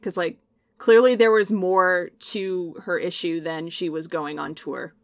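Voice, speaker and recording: Low-voiced woman playing a tabletop game. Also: fairly even intonation, unhurried, no echo, clean studio sound. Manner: easygoing, uses fillers. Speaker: player. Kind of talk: casual game chat.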